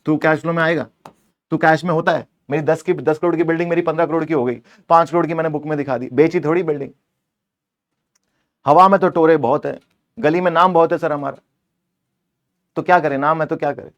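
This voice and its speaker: A man's voice: on the high side, steady tone, quick pace, pauses often. Playful male accounting teacher. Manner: playful, scolds answer options, switches between Hindi and English. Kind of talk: exam-prep lecture.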